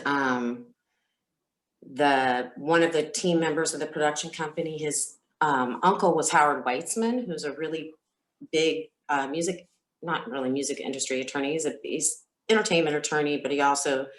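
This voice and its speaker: A singer appears as an interview guest, telling stories in a casual, candid way while pausing and reflecting as she goes. Her voice is low-pitched, and the recording sounds roomy and echoey.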